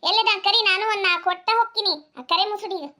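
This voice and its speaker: A woman's voice: very high voice, steady tone, racing, bright, forceful tone. A woman voicing a fiery, protective village mother in a cartoon, scolding and threatening with a North Karnataka accent. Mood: angry. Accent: North Karnataka Kannada.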